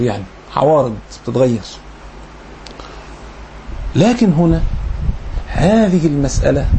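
A man with an Egyptian accent gives a religious lesson in a somewhat high but mellow voice. He reads formal text, then breaks into colloquial explanation and repeats key phrases for emphasis. A faint hiss runs under the recording. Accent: Egyptian Arabic. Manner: explains in colloquial asides after reading formal passages. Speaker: Islamic lecturer.

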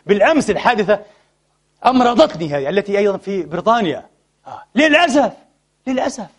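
Preaching at Friday prayers, this man addresses the congregation as brothers, his delivery rising and falling between soft and loud. He sounds grieved and exasperated, with a high, sing-song voice and a fast pace.

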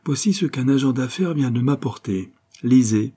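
A man's voice: mid-range voice, lively intonation, normal speed, mellow, husky, pitched above the performer's own voice. A man voicing a distraught young woman, a grieving banker's daughter, in a pleading, emphatic audiobook reading. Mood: urgent.

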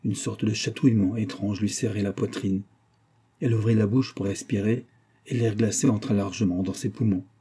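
An audiobook narrator with a lowish, somewhat breathy voice reads a classic novel aloud. His scripted storytelling is measured and even.

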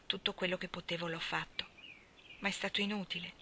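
A woman's voice: on the low side, flat delivery, fairly quick, bright, forceful tone, slight background noise. A woman reading aloud, voicing a bitter, heartbroken young man with a harsh tone.

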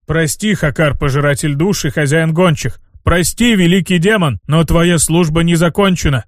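A man's voice: fairly high pitch, fairly quick, dry recording, natural voice. Troll chieftain voiced by a man, solemn, ceremonious, fawning, audiobook, dry close sound. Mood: reverent. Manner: reverent, ceremonious speech.

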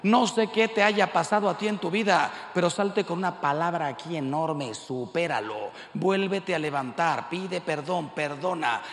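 Lively Mexican priest preaching in a hall. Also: male voice, a little high, measured pace, hardly any pauses. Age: 50s. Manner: animated storytelling, acting out dialogue in voices. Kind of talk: humorous sermon to a large audience. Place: large hall with live audience. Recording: echoey hall reverb.

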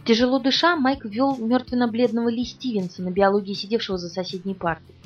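A woman narrating an audiobook in the first person, in a restrained, quiet way. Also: on the high side, fairly even intonation, brisk. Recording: distant, muffled, soft music.

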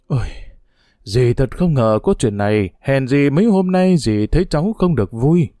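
A man's voice: mid-range voice, animated, moderate pace, warm tone, no echo, clean studio sound, natural voice. A man voicing a worried, proper older aunt in a storybook reading. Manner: anxious, fretful questioning.

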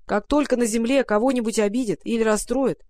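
A storyteller reading a children's fairy tale in a gentle, measured way. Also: medium pitch, steady tone, dry recording. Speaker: narrator. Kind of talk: scripted storybook narration.

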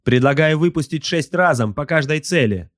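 A man's voice: mid-range voice, moderate pace, no room sound, studio quality, voice pushed up, close to an everyday voice. A man voicing a servile male bridge slave on a warship in an audiobook, reporting in clipped, formal phrases. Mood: urgent. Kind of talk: audiobook character voice.

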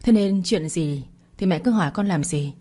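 A woman's voice: on the low side, moderate pace, warm tone, close to an everyday voice. A woman voicing a proud young wife who answers back coolly and sharply, in a storybook telling. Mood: defiant. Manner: cool, cutting retorts.

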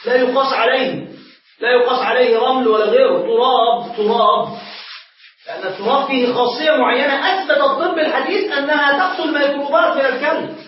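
A man's voice: extremely high pitch, slight background noise. A man, a sheikh, teaching a class and asking his students questions that he then answers himself. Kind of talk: classroom lecture. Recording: echoey room, far from the mic, dull lo-fi.

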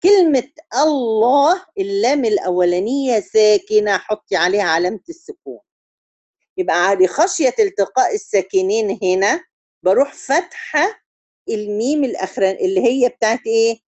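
A woman with an Egyptian Arabic accent leads a tajweed lesson in a warm, mellow voice. She explains each rule step by step and often checks that her students follow. She sings out long, stretched syllables to show how the verse should sound, and the recording is close and dry. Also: mid-range voice, lively intonation, dry recording. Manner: chants drawn-out syllables to demonstrate recitation. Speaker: Quran recitation teacher.

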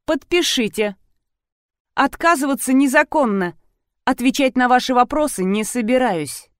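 A woman's voice: high voice, lively intonation, moderate pace, no echo, clean studio sound, pitched above the performer's own voice. A woman voicing a cold, defiant middle-aged woman who refuses to answer questions in an audiobook. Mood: indignant. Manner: indignant, curt. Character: haughty cold woman, defiant clinic owner.

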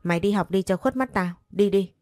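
A woman playing a scolding, fast-talking mother. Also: mid-range voice, no echo, natural voice. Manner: sharp, rapid scolding. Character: harsh, scolding middle-aged mother.

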